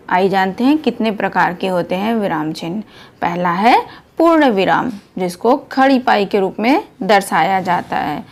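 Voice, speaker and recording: A woman teaching a children's grammar lesson, explaining patiently step by step. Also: mid-range voice.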